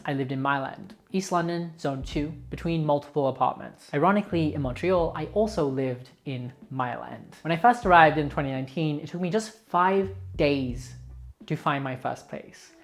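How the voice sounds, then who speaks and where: Low-voiced outspoken Australian woman. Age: young adult. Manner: frank, outspoken, opinionated. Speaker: vlogger. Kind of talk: scripted vlog narration.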